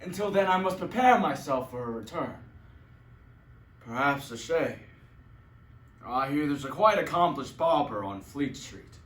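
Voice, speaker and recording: A man's voice: on the high side, expressive, unhurried, pauses often, fairly bright tone, slight background noise. A man playing a pompous, cruel judge who speaks in a haughty, commanding way and bursts into anger. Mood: stern. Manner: haughty and commanding, with angry outbursts. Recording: echoey room, distant mic.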